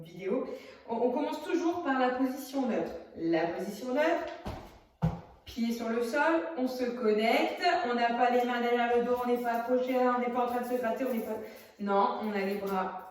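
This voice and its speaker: This theatre workshop teacher has a fairly high but darkish voice. She talks chattily with lots of hesitations while demonstrating, in a casual video lesson recorded on a distant phone camera in a very echoey space.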